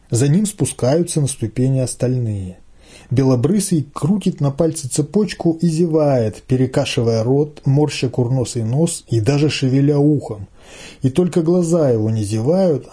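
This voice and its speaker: A man reading a story aloud in a measured, even way. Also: mid-range voice, breathy edge. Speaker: reader.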